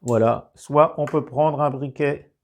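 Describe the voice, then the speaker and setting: A man's voice: medium pitch, fairly even intonation, takes it slowly. A man with a regional accent demonstrating a product in a casual review, explaining carefully with many hesitations. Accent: French regional.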